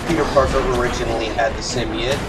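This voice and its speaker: A man rambles through casual commentary on a video game, full of fillers and self-deprecating asides. His voice is mid-pitched and sounds a bit off-mic. Clear game music plays underneath. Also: steady tone, quick pace, far from the mic. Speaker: let's play gamer.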